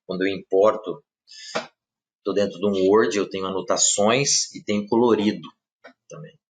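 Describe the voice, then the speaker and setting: A man, casually walking viewers through software in a live webinar, speaking softly and often checking in with his audience. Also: deep voice, steady tone, moderate pace, slight background noise. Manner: casual, talks through clicks, many tag questions. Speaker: software trainer. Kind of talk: live webinar screen-share demo.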